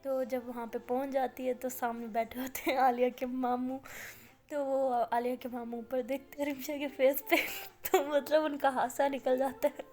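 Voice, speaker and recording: A woman's voice: sits high, little pitch movement, normal speed, darkish tone. A woman casually narrating a love story on her channel, with chatty fillers.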